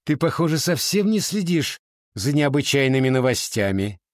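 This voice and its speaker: A man's voice: mid-range voice, big pitch swings, normal speed, no echo, clean studio sound, pitched above the performer's own voice, lightly acted. A man reading aloud, voicing a cold, demanding mysterious woman with hidden powers in a storybook. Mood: cold, commanding.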